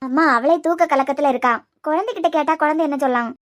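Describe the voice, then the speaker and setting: A woman's voice: high voice, quick pace, dry recording, studio quality, lightly acted. A woman voicing a protective, secretive young woman in a cartoon with a Kanyakumari Tamil accent, speaking in a coaxing, earnest way. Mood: explaining.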